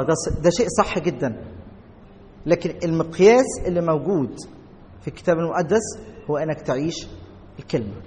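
A man with an Egyptian Arabic accent preaching a sermon as a pastor, emphatic and slowing down to stress key words. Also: fairly high pitch, darkish tone. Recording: long reverb of a large hall.

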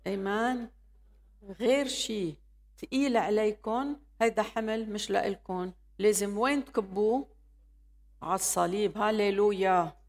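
A woman preaching a sermon, reading scripture and exhorting her listeners with calls of hallelujah. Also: mid-range voice. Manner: reads scripture aloud and exhorts, calling hallelujah.

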